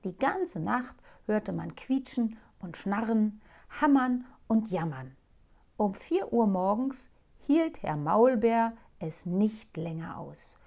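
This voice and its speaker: Woman, children's story reading, expressive, playful, lively pitch, gravelly. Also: slow pace.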